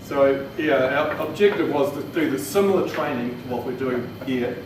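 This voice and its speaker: In an indoor training room, a man with a New Zealand accent gives an informal technical presentation, speaking in a plain, hesitant way. His voice is mid-range and his pace moderate. The audio is noisy, with a distant mic and an echoey room.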